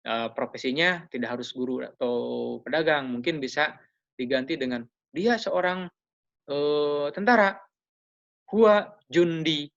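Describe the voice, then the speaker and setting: A male teacher giving a recorded lesson, slowly drilling phrases with frequent hesitant fillers. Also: fairly high pitch, creaky, fairly bright tone, lo-fi sound.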